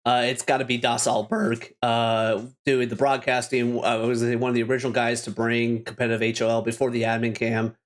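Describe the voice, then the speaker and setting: A man's voice: mid-range voice, completely flat delivery, brisk, few pauses. A man from Canada hosting a casual gaming podcast, upbeat and laughing often, with loose restarts. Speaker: podcast host.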